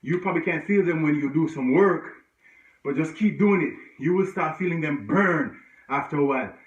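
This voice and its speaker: This fitness instructor leads a home workout in a chatty, encouraging way, his voice on the high side, expressive, and at a moderate pace. At times he is out of breath and grunts between exercises. The room is echoey, and the mic sounds far from dull.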